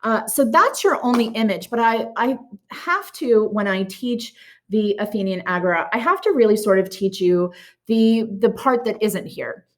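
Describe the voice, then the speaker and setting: A woman's voice: on the high side, lively intonation, moderate pace. A woman teacher giving a recorded art history lecture in a casual way, with many ums and restarts. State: has the hiccups.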